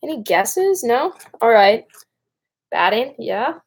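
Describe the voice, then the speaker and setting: A woman's voice: on the high side, sing-song, takes it slowly, husky. A young woman with a Great Lakes Michigan accent chats casually on a live stream in an informal, rambling way. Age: young adult. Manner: rambling, informal, breaks off and addresses viewers.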